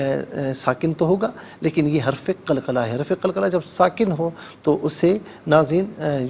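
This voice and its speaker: Gravelly-voiced man teaching Quran recitation. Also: a little high, darkish tone. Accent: Pakistani Urdu. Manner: explains each word methodically, then chants verses slowly and drawn out. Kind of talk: televised tajweed lesson with slow chanted recitation.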